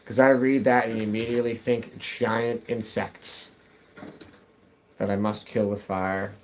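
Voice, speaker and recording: A man's voice: on the low side, flat delivery, unhurried, slight background noise. Chatty man streaming from his basement. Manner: chatty, answers chat and mutters to himself while playing. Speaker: gaming streamer. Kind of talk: casual live-stream chat while gaming. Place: home basement.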